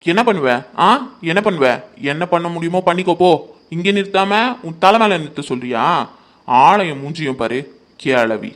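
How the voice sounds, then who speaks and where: Someone voicing a sharp-tongued young woman. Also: mid-range voice, moderate pace, close to an everyday voice. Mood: defiant mocking. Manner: mocking, defiant.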